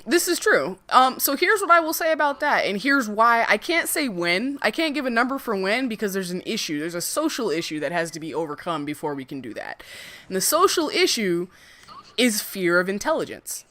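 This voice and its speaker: A woman co-hosting a casual livestream chat, ranting in a profane, animated way. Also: mid-range voice, a little fast. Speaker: streamer co-host.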